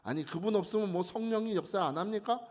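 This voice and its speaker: A man's voice: sits high, fast talker, a little mellow, voice pushed up, natural voice. A man voicing an indignant young male pastor who argues and protests in a sermon story. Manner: protesting, argumentative questioning.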